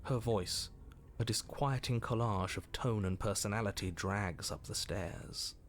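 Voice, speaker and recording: An actor playing a dry, measured narrator in a horror video game, telling the story in a slightly teasing tone. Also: male voice, fairly low pitch, a little hiss or hum, natural voice. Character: calm, wry male storyteller narrator.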